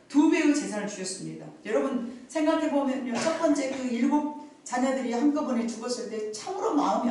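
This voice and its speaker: A woman's voice: high-pitched, a little mellow. A middle-aged woman pastor preaching a live Sunday sermon in an emphatic, folksy storytelling way, drawing responses from the congregation. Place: church sanctuary during worship. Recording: very echoey church hall, distant mic, faint noise.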